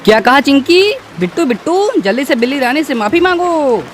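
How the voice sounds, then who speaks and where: A woman voicing an eager, excitable young boy in a cartoon, full of exclamations. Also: high-pitched, brisk, slight background noise. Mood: puzzled.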